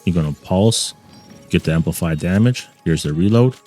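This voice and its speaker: A man's voice: low-pitched, lively intonation, moderate pace, darkish tone, soft background music. A man hosting a gaming channel, giving playful gameplay commentary and repeating his catchphrases, recorded at a desk mic in a home gaming setup.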